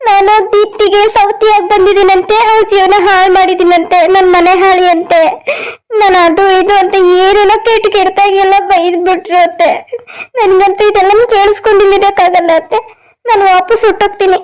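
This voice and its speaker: A woman's voice: very high-pitched, steady tone, fast talker. A woman voicing a tearful young wife in a cartoon story, crying through hurt, pleading complaints. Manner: sobbing complaints.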